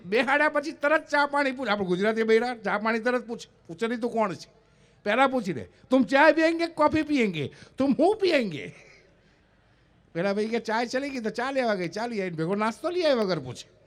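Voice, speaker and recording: A very high-pitched, fast-talking man in his fifties, with a North Gujarati accent and from North Gujarat, India, works as a stand-up comedian and mimicry artist. On an event stage before an audience, he tells comic stories live and animatedly acts out the dialogue of the people in them.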